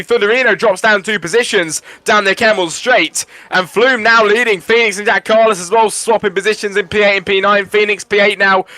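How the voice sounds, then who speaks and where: Bright, high-voiced male racing commentator. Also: dry recording. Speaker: race commentator. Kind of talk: live esports motor racing commentary.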